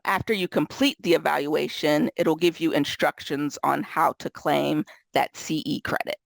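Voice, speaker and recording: A woman's voice: low voice, gravelly, dry recording. A woman moderating a webinar, sounding nasal from a cold, talking casually with lots of fillers over a video call. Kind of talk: webinar housekeeping intro.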